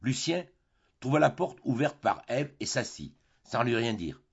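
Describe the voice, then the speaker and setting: A man's voice: medium pitch, big pitch swings, unhurried, husky, dull audio. A man narrating a classic novel for an audiobook, reading steadily phrase by phrase.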